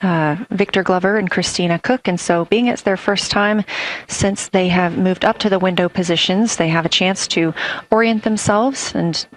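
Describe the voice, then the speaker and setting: A woman's voice: lowish voice, steady tone, moderate pace, low-quality recording. A woman giving composed, informative live commentary on a space mission as a broadcast commentator.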